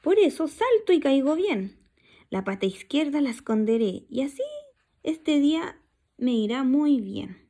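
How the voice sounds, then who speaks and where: A woman's voice: sits high, sing-song, a little slow, mellow, full character voice. A woman voicing a cheerful, pretentious little male mouse in a children's storybook, making proud sing-song declarations. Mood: boastful.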